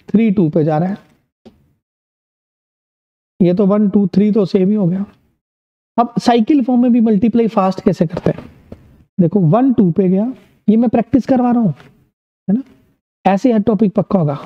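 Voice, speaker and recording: Male maths tutor, Indian accent, encouraging online-lesson delivery, slightly muffled recording. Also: high voice. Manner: upbeat, encouraging, asks and answers his own questions. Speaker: maths teacher.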